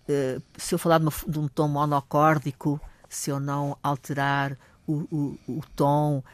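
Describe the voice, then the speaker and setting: Older Portuguese woman, low and dry. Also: normal speed, no room sound. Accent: European Portuguese. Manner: hesitant, animated storyteller. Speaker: language professor, guest. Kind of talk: radio conversation.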